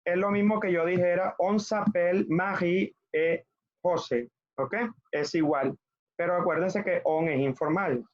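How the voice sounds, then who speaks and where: A man's voice: high-pitched, highs cut off. A man with a Colombian Spanish accent teaching a French class over video, patiently drilling conjugations for students to repeat.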